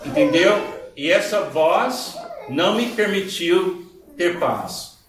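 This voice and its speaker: A man's voice: high-pitched, animated, slow pace. A man preaching a church sermon in Portuguese with an American English accent, earnest and emphatic, repeating key phrases. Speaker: guest preacher. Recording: echoey church hall, distant, noisy.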